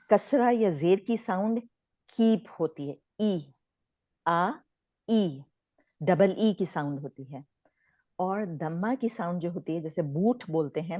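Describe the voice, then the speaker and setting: A Pakistani woman teaches an informal online Quran recitation lesson, talking through explanations conversationally with some English words mixed in. Her voice is fairly low and dark in tone, with no room sound, and the recording is dull and lo-fi.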